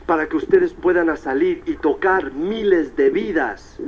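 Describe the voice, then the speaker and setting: A man's voice: on the high side, unhurried, breathy edge. A man giving a motivational seminar talk, telling stories with animation and slipping into English. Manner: animated storyteller, slips into English. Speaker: motivational speaker. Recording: dull old cassette tape.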